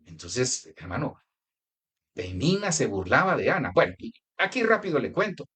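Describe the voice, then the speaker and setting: Male pastor, Colombian accent, conversational sermon delivery, animated swooping intonation. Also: mid-range voice, moderate pace, breathy edge. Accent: Colombian Spanish. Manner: conversational preaching with anecdotes and direct address.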